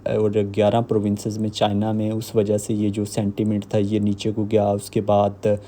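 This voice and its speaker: A man giving a screen-recorded software walkthrough, explaining step by step with filler pauses. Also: fairly low pitch, monotone. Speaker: software tutorial host.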